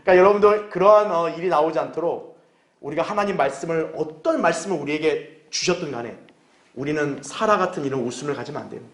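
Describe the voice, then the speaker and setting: A man preaches to his congregation in a relaxed, talky way, often turning questions back to the listeners and briefly acting out little exchanges. His voice sits a little high for a man. The sound rings around a roomy church hall. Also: fast. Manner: conversational, asks the congregation questions and acts out short dialogues. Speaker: pastor. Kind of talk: sermon, Bible exposition.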